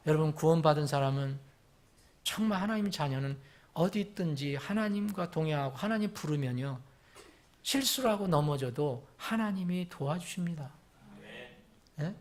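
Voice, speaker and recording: A male pastor preaching an afternoon sermon, acting out cries and asking the congregation questions. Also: high-pitched. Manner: animated, acts out quoted cries, asks the congregation questions.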